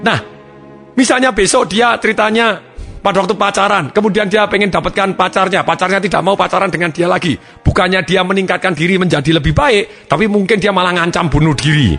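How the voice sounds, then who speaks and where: A man giving a motivational seminar talk, telling examples with lively energy. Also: high voice, a little fast, gravelly, faint music behind. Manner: lively, animated storytelling. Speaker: motivational speaker.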